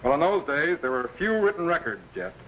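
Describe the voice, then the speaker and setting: Casting: authoritative space-time captain for vintage kids' sci-fi serial, forceful, animated delivery, highish pitch. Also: male voice, brisk. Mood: instructive. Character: authoritative, heroic time-traveling captain and mentor. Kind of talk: old-time children's sci-fi serial acting. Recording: slightly noisy vintage serial recording.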